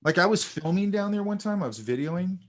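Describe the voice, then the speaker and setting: A man teaching a sketching class in a relaxed, chatty way, telling stories while he points out details in drawings. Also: sits high, brisk. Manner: animated, storytelling, talks over drawings. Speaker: art instructor. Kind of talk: casual teaching chat.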